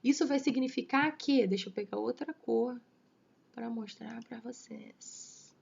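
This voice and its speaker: A Brazilian woman with a Brazilian Portuguese accent teaches a literature lesson online, explaining step by step, counting syllables aloud and checking in with her students. Her voice is on the high side and unhurried, with vocal fry. The lecture audio is lo-fi with slight background noise.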